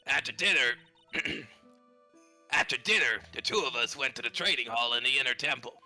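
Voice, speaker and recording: A man voicing a flirty, teasing head nun with slow, theatrical movie-villain menace in a playful game read-aloud. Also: mid-range voice, expressive, pushed and bright, soft background music. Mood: slow, ominous.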